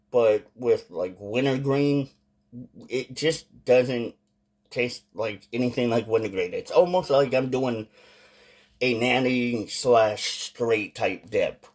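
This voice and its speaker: A man giving a casual, informal vlog-style review in a halting way, stressing words for emphasis. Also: medium pitch, darkish tone. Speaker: product reviewer.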